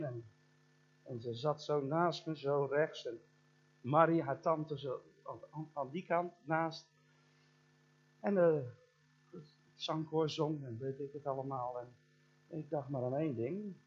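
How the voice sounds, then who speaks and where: A man's voice: on the high side, husky. A middle-aged man preaching a storytelling sermon, speaking straight to the congregation and acting out sounds and voices from his story. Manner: animated, addresses the congregation directly. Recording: dull lo-fi church recording.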